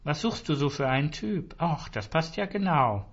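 A man reading a story aloud, voicing a smooth-talking woman on a sex hotline who asks coaxing, flirty questions. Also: a little high, big pitch swings, normal speed, voice pushed up, heavily acted. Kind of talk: audiobook reading. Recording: dull lo-fi recording.

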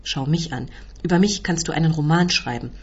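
A woman reading aloud as a loud, self-pitying Polish uncle who rants and bellows. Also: sits low, fairly quick, breathy edge. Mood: pleading. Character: loud desperate middle-aged Polish uncle, man. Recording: dull lo-fi recording.

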